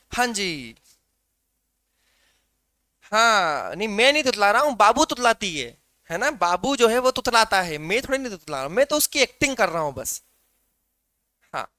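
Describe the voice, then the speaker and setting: A man's voice: high voice, sharp tone, dry recording. A male teacher giving a live online exam-prep class, explaining through rhetorical questions and calling his students "beta".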